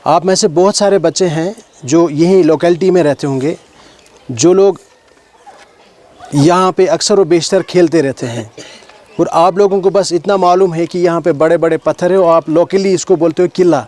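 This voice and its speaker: Leading a heritage walk outdoors at a stone site, a Kashmiri-accented man explains place names to schoolchildren and frequently asks them questions, slipping in English words. His voice is on the high side with a darkish tone.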